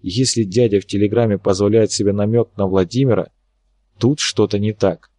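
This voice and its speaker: A man's voice: lowish voice, fairly even intonation, normal speed, mellow, no room sound, lightly acted. Man doing a young woman, wry, worried, musing, lightly raised voice, dry close recording.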